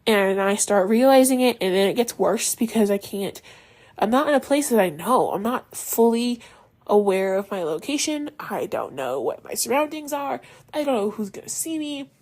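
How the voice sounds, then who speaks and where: A woman's voice: fairly high pitch, animated, normal speed, darkish tone. A young adult woman hosting a podcast, telling a personal story in a casual, chatty way with many fillers. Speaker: podcast host.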